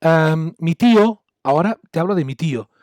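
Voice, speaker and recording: A man from teaching an English grammar class online, correcting students briskly and explaining patiently. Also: a little high, animated, darkish tone.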